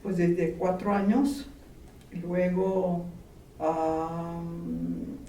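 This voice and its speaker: A woman from Mexico, slowly and gently reminiscing in an interview. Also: on the low side, little pitch movement. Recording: roomy, distant, faint background noise.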